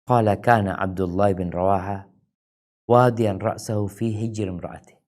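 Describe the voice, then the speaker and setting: Male preacher swinging high to low. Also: fairly even intonation, normal speed. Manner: recites Arabic quotations then explains them in casual speech; swings widely between high and low, loud and soft. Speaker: Islamic preacher. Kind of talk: religious lecture.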